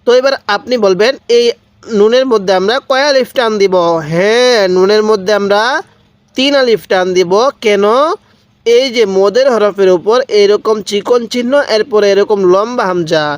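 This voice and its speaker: Guy teaching quran reading, fairly high voice, repeats stuff patiently and stretches out the sounds. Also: smooth, dry recording. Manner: spells out letters slowly, drawn-out chanting of syllables; patient, repetitive explanations. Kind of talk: step-by-step recitation lesson.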